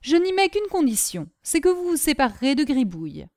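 Imperious, quick-tempered older lady, voiced by a woman; scolding tone, lively pitch. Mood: haughty.

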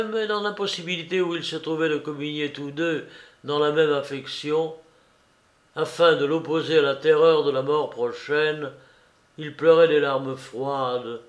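Male narrator for a dark literary audiobook, slightly higher voice, unhurried pace. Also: echoey room. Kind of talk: audiobook reading of literary prose.

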